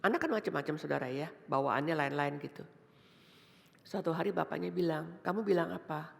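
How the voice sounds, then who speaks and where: A woman's voice: low-pitched, lively intonation, a little fast, gravelly. A woman vicar preaching a sermon, repeating key phrases for emphasis and talking directly to the congregation in a casual, story-telling way. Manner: addresses the congregation directly and conversationally; tells illustrative stories in a casual tone. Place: church hall. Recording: long church-hall reverb.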